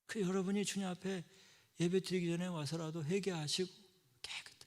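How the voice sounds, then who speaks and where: A middle-aged male pastor preaching a sermon, telling stories and acting out quoted voices, swinging from loud outbursts to soft whispers. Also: high voice, fairly even intonation, a little fast. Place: church sanctuary. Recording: long church-hall reverb.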